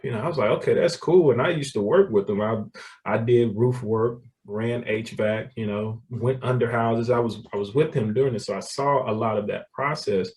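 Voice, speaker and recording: Heard from a distant mic, this male guest, a real estate developer, speaks at medium pitch and normal speed with a slightly mellow tone. He recounts his story casually, laughing a lot and repeating himself.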